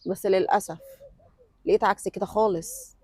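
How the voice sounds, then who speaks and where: A young woman with an Egyptian accent playing a young woman who tests a suitor, pleading at first and then calm and self-assured. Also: medium pitch, normal speed, breathy edge, dry recording. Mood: confident. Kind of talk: web sketch acting.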